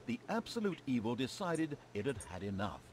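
An actor playing a grandiose, tongue-in-cheek storybook narrator in a fantasy game, in theatrical scripted narration. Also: male voice, mid-range voice, very animated, brisk, very noisy, lightly acted. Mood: wry grandeur. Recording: loud game sound behind.

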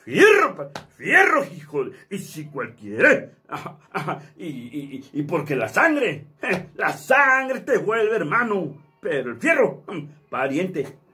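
Man doing a slow, clipped, threatening godfather, comic bit. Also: high-pitched, huge pitch swings, bright, forceful tone, pitched above the performer's own voice, exaggerated voice. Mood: menacing. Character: gruff male mob godfather.

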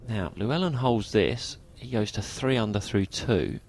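Low-voiced male golf commentator, noisy background. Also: measured pace, gravelly, darkish tone. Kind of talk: golf tournament commentary, analysing shots.

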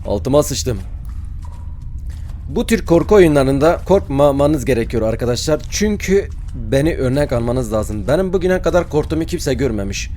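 Warm and lively in intonation, a young gaming YouTuber's mid-range voice moves at a normal speed as he narrates a horror game. He acts brave, then jumps, yelps and shrieks in fright, and mutters prayers when scared, with slight background noise behind him.

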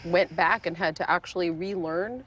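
A woman's voice: lowish voice, normal speed, a little hiss or hum. A woman interviewer asking short, probing questions in a TV interview.

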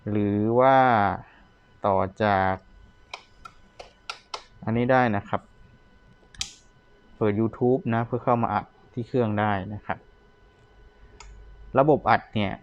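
Man, lowish pitch, polite seller, casual demo talk, slight background noise. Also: steady tone, slow pace, pauses often, lo-fi sound. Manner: polite, ends most phrases with courtesy particles. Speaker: seller demonstrating secondhand audio equipment. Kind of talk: casual product demonstration.

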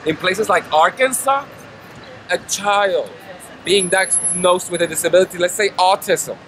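A man in his thirties speaks with earnest insistence about his cause, his voice set a little high for a man. He is recorded outdoors on a city street, with clear traffic noise running under every word. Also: a little slow, a bit bright. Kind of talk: street interview. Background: traffic and city ambience.

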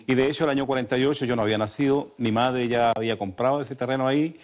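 A man's voice: medium pitch, steady tone, racing. An older man from Chile with a Chilean Spanish accent, a folk singer telling long rambling stories in a radio interview. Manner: rambling, with many restarts and fillers. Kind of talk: relaxed storytelling interview. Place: radio studio.

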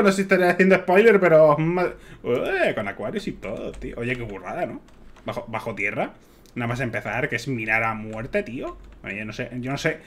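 Excitable streamer with lively pitch. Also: male voice. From Spain. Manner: excitable, swears often, laughs a lot. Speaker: Minecraft streamer. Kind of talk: casual gameplay stream commentary. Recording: music playing faintly behind.

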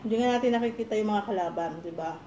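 A woman's voice: mid-range voice, fast, warm tone, roomy sound, highs cut off, slight background noise. Woman talking with food in mouth. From Philippines. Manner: chatty, addresses viewers as guys. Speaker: mukbang vlogger. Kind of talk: casual chat to viewers while eating.

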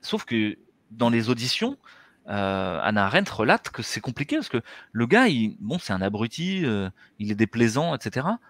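A middle-aged man, an anesthesiologist and author appearing as an interview guest, earnestly explains ideas and gestures with his hands while talking. He speaks at a moderate pace in a medium-pitched voice with big swings in pitch. He's on a video call from a small room using a headset mic, and the recording is dry.

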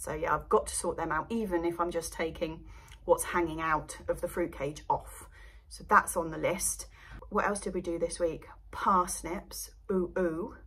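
A woman's voice: fairly low pitch, slightly rough. A young Englishwoman chatting casually to camera at home about her allotment, rambling and laughing often. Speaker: allotment vlogger. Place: indoors at home by seedling light box.

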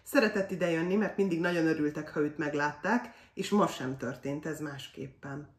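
A woman reading a children's fairy tale aloud in an expressive, animated way. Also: deep voice, recorded from a distance. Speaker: storyteller. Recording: roomy echo.

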